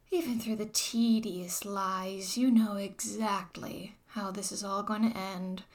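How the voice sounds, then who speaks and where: A woman with a creaky, mid-range voice whispers in an audio roleplay as a mocking, controlling former dominatrix. She addresses the listener directly in a slow, taunting way.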